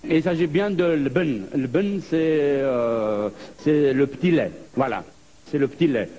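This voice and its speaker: A man from Algeria performing a stand-up comedy monologue, telling stories in a lively way. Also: on the high side, measured pace. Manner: lively storytelling with put-on voices.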